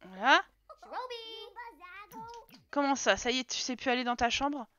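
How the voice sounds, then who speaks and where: Chatty woman streamer, bright edge, muffled lo-fi stream sound, talks back to her game. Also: sits high, measured pace, slight background noise. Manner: chatty, exclaims and scolds her game characters. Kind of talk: casual let's-play commentary.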